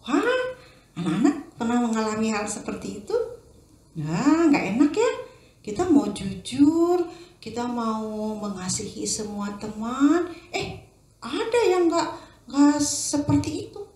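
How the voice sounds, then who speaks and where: A woman's voice: a little high, very animated, a little slow, dark tone, reverberant. A woman teaching children, leading a prayer and telling a story with sound effects and acted voices.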